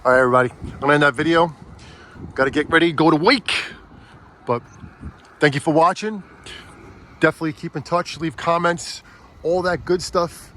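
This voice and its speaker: A man's voice: on the high side, fairly even intonation, normal speed, long pauses, fairly bright tone, slight background noise. A middle-aged man vlogging casually while loading and driving a truck, rambling with many restarts and fillers, filmed on a phone. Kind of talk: casual vlog talk. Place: in and around a truck.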